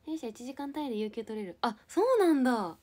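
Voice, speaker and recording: A woman's voice: on the high side, lively intonation, fairly quick, a little mellow. A young woman from Japan casually chatting with viewers on a livestream, playful and giggly as she answers comments. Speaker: live streamer.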